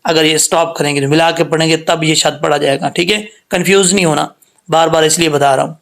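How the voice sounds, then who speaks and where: A man's voice: fairly high pitch, steady tone, gravelly. Patient man teaching Quran recitation rules. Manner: patient, repeats points, drawn-out sung demonstrations of sounds. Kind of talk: tajweed lesson, explaining and demonstrating letter sounds.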